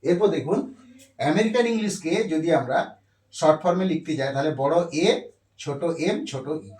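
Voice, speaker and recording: A man's voice: a little high, darkish tone. Echoey man teaching vocabulary. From India. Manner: slow, repetitive, spells words letter by letter. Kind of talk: explaining lesson on a board. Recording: echoey room.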